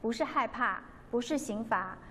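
A woman's voice: on the high side, expressive, moderate pace, pushed and bright. Earnest woman giving a testimony. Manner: earnest, devout, re-enacts dialogue. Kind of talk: personal testimony storytelling. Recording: long reverb, faint background noise.

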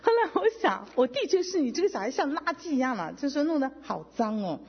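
Animated woman sharing a testimony. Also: high-pitched, a little fast. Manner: emotional, animated storytelling with quoted dialogue. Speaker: testimony speaker. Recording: dull lo-fi sound with long hall reverb.

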